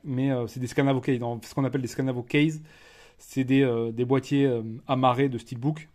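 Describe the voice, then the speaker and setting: Chatty French man unboxing, halting. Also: medium pitch, a little mellow. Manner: chatty, hesitant, many fillers and restarts. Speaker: collector reviewing a disc edition. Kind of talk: casual unboxing commentary.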